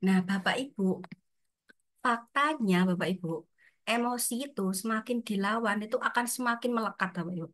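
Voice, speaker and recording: A woman's voice: on the high side, brisk, a bit bright. A woman leading an online training session in a chatty way, often addressing her audience and acting out inner voices.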